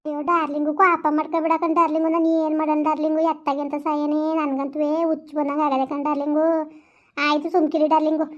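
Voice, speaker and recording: A woman's voice: sits high, little pitch movement, fast talker, natural voice. A woman playing a scheming village wife, who pleads and makes excuses in a whiny way. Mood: pleading. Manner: pleading, whining, excuse-making. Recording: muffled lo-fi recording.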